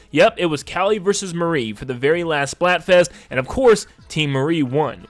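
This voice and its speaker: A conversational game reviewer delivers casual, enthusiastic, emphatic video essay commentary with music playing underneath. His voice is on the high side with a fairly bright tone.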